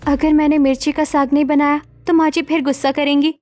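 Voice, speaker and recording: Woman doing a shy young pregnant daughter-in-law in a cartoon, quiet and timid, bit high. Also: level tone, brisk, close to an everyday voice.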